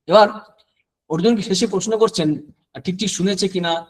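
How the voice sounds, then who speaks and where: A middle-aged man, a monk, giving a scripture discourse, chanting Sanskrit verses and explaining them line by line with frequent pauses and fillers. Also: high voice, low-quality recording.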